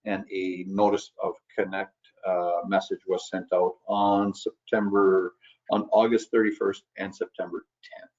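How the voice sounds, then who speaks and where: A man's voice: deep voice, little pitch movement, unhurried, darkish tone, dull audio. A man on municipal staff reporting procedure to council, hesitant and full of fillers.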